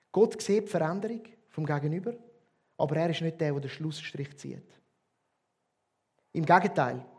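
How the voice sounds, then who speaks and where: Swiss German man, pastor's sermon, high-pitched and husky, emphatic delivery. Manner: emphatic, swinging between loud stresses and quiet drops.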